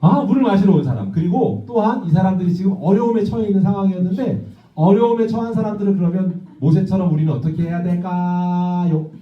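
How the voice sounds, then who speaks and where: A man's voice: sits high, fast. A man pastor telling a Bible story to children in a church, asking them questions and acting out the voices of the people in it. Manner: lively, asks the children questions and acts out voices. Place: church hall. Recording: distant, echoey, dull church recording.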